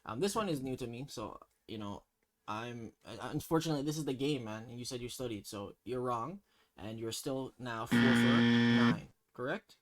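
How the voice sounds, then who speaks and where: A man's voice: mid-range voice, normal speed. Teasing Toronto man hosting a slang quiz. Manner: teasing, mock-stern, slangy. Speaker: quiz host. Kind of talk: casual slang quiz banter.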